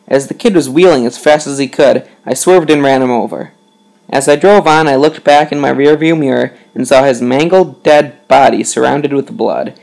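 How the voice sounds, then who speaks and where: A man telling a dark comedy story in the first person, deadpan and matter-of-fact. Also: mid-range voice, gravelly, low-quality recording. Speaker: comic storyteller.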